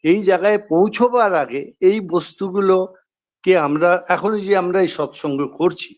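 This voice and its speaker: Spiritual speaker, male, high-pitched, steady explanatory delivery, slightly dull recording. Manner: measured, explanatory, repeats key phrases. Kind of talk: devotional discourse.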